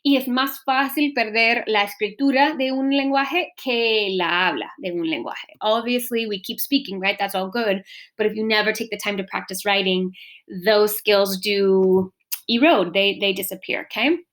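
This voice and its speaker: A woman's voice: mid-range voice, a little slow, fairly bright tone. A young woman teaching a recorded lesson, switching between two languages and checking in patiently with her students.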